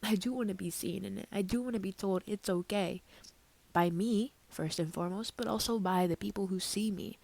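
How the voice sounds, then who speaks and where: A woman's voice: medium pitch, brisk, gravelly, darkish tone. A woman talking casually and emotionally in a personal vlog, tearful and full of fillers. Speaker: vlogger.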